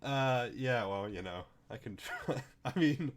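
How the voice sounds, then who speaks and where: A man co-hosting a game let's play, talking in a halting way and chuckling often. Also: mid-range voice, lively intonation, a crowd in the background. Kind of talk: casual chat.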